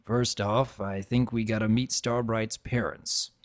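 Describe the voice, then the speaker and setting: In clean studio audio without any room sound, a man with a low, steady voice and measured pace dramatically reads fan fiction as a laid-back, uncle-like grown dragon. He narrates his own tale in a firm, reassuring mood, slipping in dry, chatty asides, and sounds natural.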